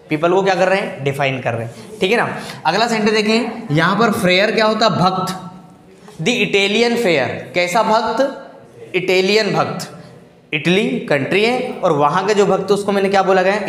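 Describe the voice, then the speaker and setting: High-voiced man teaching grammar, echoey. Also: a bit bright. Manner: quizzes listeners with questions he then answers himself; mixes English words into Hindi explanations. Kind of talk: classroom lecture. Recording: echoey room.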